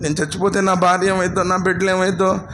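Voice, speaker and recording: A man's voice: high voice, monotone, racing, background noise. A man preaching a sermon, impassioned and full of rhetorical questions, calling his listeners brothers and sir. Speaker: Islamic preacher.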